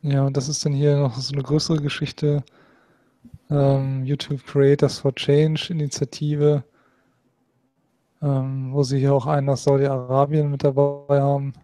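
A man's voice: mid-range voice, a little slow, dry recording. A man co-hosting a casual political chat show, walking through material on screen. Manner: monotone, explains on-screen material. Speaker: podcast co-host.

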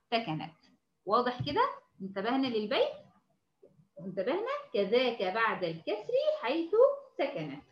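A woman teacher with an Egyptian Arabic accent giving a patient lesson, often checking that her students follow and drawing out example words slowly. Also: a little high, bright, forceful tone. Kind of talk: online lesson to female students.

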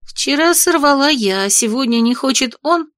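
A woman's voice: sits high, lively intonation, a bit bright, no room sound, clean studio sound, pitched above the performer's own voice. A woman voicing a blunt, startled young heroine. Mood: exasperated. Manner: startled, quick questions. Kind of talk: audiobook character voice.

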